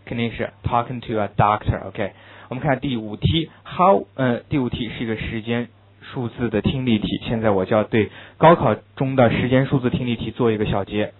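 A male teacher lectures quickly and emphatically, driving home his key points by repeating them. His voice sits in an ordinary middle register. The recording is thin and phone-like. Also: mid-range voice. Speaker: English teacher. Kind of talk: classroom lecture.

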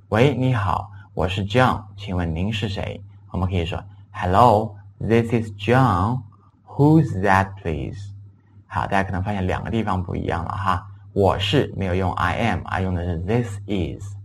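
A man giving a recorded English lesson, explaining patiently and repeating key words, with a faint hiss behind him. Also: low voice. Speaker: English teacher.

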